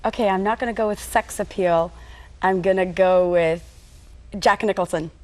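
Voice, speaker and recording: A woman's voice: medium pitch, moderate pace. A woman giving casual answers as a contestant on a game show.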